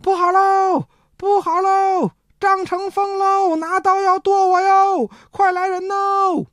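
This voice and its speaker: A woman voicing a panicky male servant who yells for help in a shrill, frantic voice. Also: flat delivery, very fast, no echo, clean studio sound.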